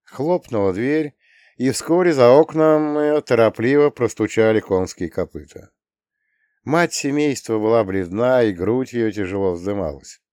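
A man reading an audiobook in an even, measured storytelling manner. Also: medium pitch, no room sound, studio quality. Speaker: audiobook reader. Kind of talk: scripted narration.

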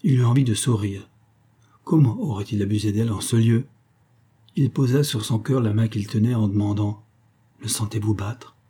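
A male audiobook narrator reading a classic novel in a measured, hushed way. His voice is low and dark, with a slightly husky edge.

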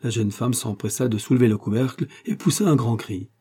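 A man reading a classic novella aloud in measured, even storytelling. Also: medium pitch, husky. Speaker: audiobook narrator. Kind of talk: scripted narration of a novella.

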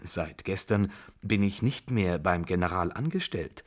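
A man voicing a calm, modest young tutor. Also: low-pitched, unhurried. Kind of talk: radio drama reading.

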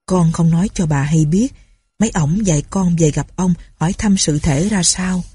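A woman voicing a frightened young servant girl who speaks in a hushed, pleading way. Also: fairly low pitch, normal speed, breathy edge, dry recording.

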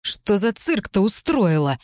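A woman's voice: mid-range voice, sing-song, unhurried, darkish tone, dry recording, clean studio sound. Woman doing young male mage, arrogant, angry, clipped, audiobook. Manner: curt, hissing through teeth.

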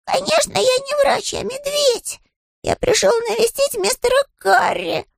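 Paddington, a squeaky little bear. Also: male voice, a little slow, creaky, a bit bright, no echo, clean studio sound, full character voice. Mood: earnest. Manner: squeaky, innocent, earnest. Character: small polite young male bear, earnest and naive.

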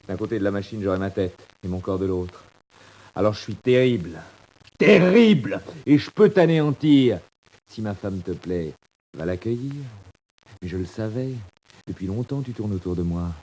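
A man playing Yeux-Verts, a lowish condemned prisoner. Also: moderate pace, dark tone, slight background noise, lightly acted. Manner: theatrical, swinging from bitter murmurs to cries. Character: condemned male prisoner, proud and despairing. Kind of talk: 1940s radio acting.

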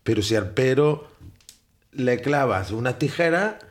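A man's voice: mid-range voice, expressive, a little slow. A man on radio chatting playfully and reflectively, making puns and musing, at times dropping to a whisper.

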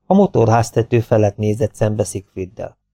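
A man narrating an audiobook in a calm, even storytelling manner. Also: fairly low pitch. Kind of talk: scripted narration.

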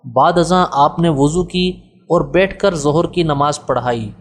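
A man narrates a religious biography in a steady, formal reading voice. His voice sits a little high. It carries a long reverb that trails after each phrase. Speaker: audiobook narrator.

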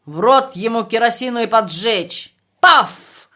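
A woman voicing a drunk, boastful male army officer who talks loudly and blusters. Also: mid-range voice, animated, takes it slowly. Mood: drunk, aggressive. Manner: loud, blustering, slurred bragging.

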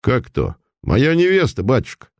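A loud young hussar officer, voiced by a man, with a ringing, confident tone. His pitch swings widely as he talks, close and dry to the mic. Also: very animated, moderate pace, no echo. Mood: bewildered. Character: cheerful young male hussar officer, bewildered.

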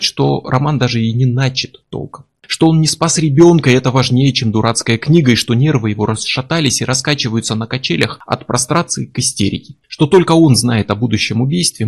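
A man narrating a novel in steady, low-key scripted narration with tense emphasis. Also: creaky, breathy edge. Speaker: audiobook narrator.

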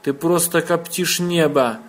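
A man's voice: fairly high pitch, measured pace, pitched above the performer's own voice, natural voice. A man voicing an angry, panting teenage girl who hurls insults in an audiobook reading. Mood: spiteful. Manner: spiteful, shouting.

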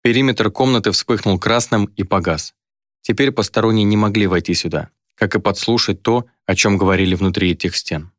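A man reading a fantasy novel aloud in first person, with an even, measured delivery. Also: lowish voice, no room sound, studio quality. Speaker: audiobook narrator. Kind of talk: scripted first-person narration.

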